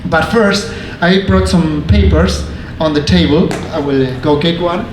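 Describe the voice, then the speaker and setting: A young man from Argentina and Denmark giving a casual, friendly presentation as a museum intern, with relaxed fillers. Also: a little high, measured pace. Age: young adult. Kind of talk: informal public presentation. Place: museum hall with audience. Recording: echoey room with faint noise.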